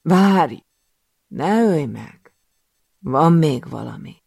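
A man reading an audiobook, voicing a cruel, scheming male cult master who speaks slowly and with menace. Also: a little high, expressive, creaky, darkish tone, breathy edge, dry recording, studio quality, exaggerated voice. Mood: pleading.

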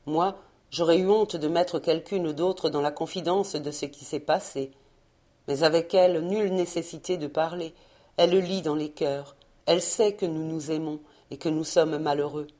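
A woman voicing a brave, gentle young peasant woman who speaks earnestly and pleadingly. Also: deep voice, steady tone, moderate pace.

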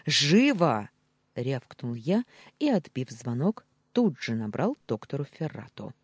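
A man reading a first-person audiobook narration in a steady, measured way on a close mic. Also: medium pitch, husky, no echo. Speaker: audiobook reader.

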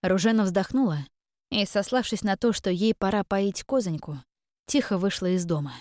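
A woman narrates an audiobook in a measured, quiet manner at a middle pitch. The recording is dry and close, with no room sound. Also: no room sound. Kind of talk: scripted narration.

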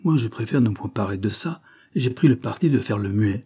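A man's voice: lowish voice, lively intonation, fairly quick, mellow, breathy edge. A man voicing a despairing jailed young man, lovesick and stubborn, who speaks in a raised, agitated voice. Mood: exasperated.

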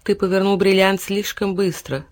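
A woman's voice: mid-range voice, steady tone, normal speed, lightly acted. A woman voicing a stern, commanding old fairy in a storybook reading. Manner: reproachful, commanding.

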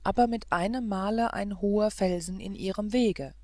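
A woman narrating an old fairy tale for an audiobook in a calm, measured storytelling manner. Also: mid-range voice, no echo.

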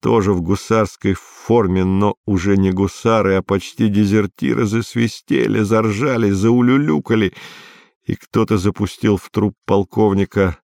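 A man's voice: on the low side, steady tone, moderate pace, creaky, darkish tone, no echo. Grave male audiobook narrator, dry sound. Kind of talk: scripted literary narration.

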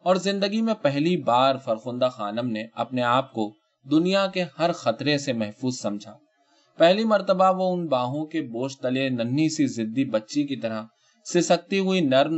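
A man reads a literary short story aloud at a measured, unhurried pace, his voice sitting in an ordinary middle pitch. He grows softer in the sad passages, and the recording is dull and lo-fi. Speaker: story reader.

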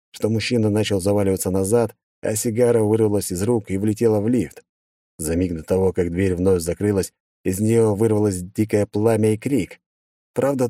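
A man reading a first-person audiobook in a brisk, wry storytelling manner on a close mic. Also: lowish voice, warm tone, dry recording. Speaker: audiobook narrator.

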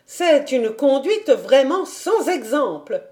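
A woman reading an audiobook voices a stern, indignant governess who scolds a child and raises her voice to shouts. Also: sits high, big pitch swings, takes it slowly, pitched above the performer's own voice, heavily acted. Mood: solemn scolding.

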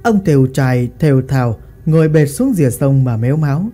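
Expressive woman telling a ghost story. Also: a bass voice, a little fast, soft background music.

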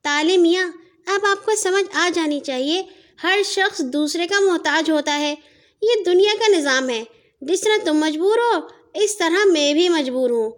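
A woman's voice: very high voice, pitched above the performer's own voice. Patient wise key voiced by a woman. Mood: teaching. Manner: soft, patient, explaining. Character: patient, wise female key who lectures gently. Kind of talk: children's audio story.

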